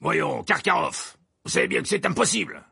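A man voicing a jovial male official in an audiobook, speaking in a bright, placating tone. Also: a little high, lively intonation, normal speed, gravelly, husky, voice pushed up, exaggerated voice.

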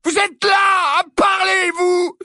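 A man voicing a grieving teenage boy wizard who trembles and shouts in rage, in an audiobook. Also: medium pitch, sing-song, moderate pace, gravelly, slightly rough, dry recording, studio quality, exaggerated voice. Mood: furious. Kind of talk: audiobook character voice.

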